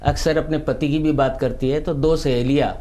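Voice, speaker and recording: A man reciting humorous poetry, telling the story in an unhurried way with comic timing. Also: on the high side, fairly even intonation, dark tone. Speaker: poet.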